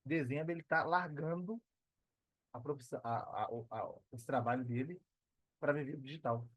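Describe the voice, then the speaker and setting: A Brazilian digital entrepreneur appears as a podcast guest, talking at normal speed in a mid-range, slightly rough voice with no room sound. His casual, slangy conversation is earnest and emphatic, with phrases repeated for emphasis.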